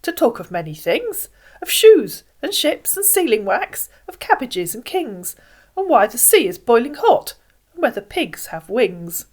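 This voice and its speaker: A woman's voice: on the high side, sing-song, a little slow, darkish tone. A woman voicing a genteel, falsely sympathetic male walrus in a theatrical, coaxing poetry reading. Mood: pompous. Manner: coaxing, theatrical, mock-sorrowful. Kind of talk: expressive storybook poetry reading.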